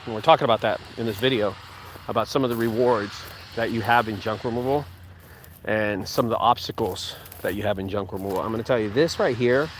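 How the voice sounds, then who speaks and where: A man in his forties with a voice on the low side shows his rural land outdoors, chatting casually and fairly quickly for a vlog. He owns a junk removal business, keeps things relaxed, and says "dude," with slight background noise behind him.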